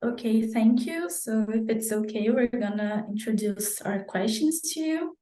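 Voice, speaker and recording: Slow, polite young woman student from Brazil. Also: on the high side, lively intonation, warm tone. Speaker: exchange student, interviewer. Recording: echoey room.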